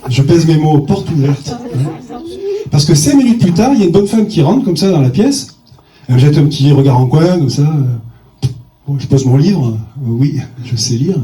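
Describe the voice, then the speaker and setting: A male stand-up comedian telling a bawdy story in a high, dark-toned voice that leaps all over the place. His punchy lines echo through a roomy venue, picked up from a distance. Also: animated, normal speed, music in the background. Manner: bawdy, punchy delivery with sudden voice jumps. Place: comedy stage.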